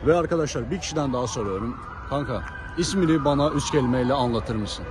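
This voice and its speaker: A man's voice: medium pitch, animated, fast. A man presenting casual street interviews, addressing viewers and repeating answers back. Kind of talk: casual vox-pop presenting. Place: outdoors on a city street. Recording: clear outdoor traffic noise.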